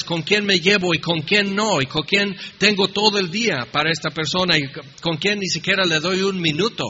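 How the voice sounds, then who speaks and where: A man's voice: high voice, sharp tone, husky. A man preaching a sermon in a conversational way with humorous asides. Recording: dull, slightly lo-fi recording in a reverberant hall.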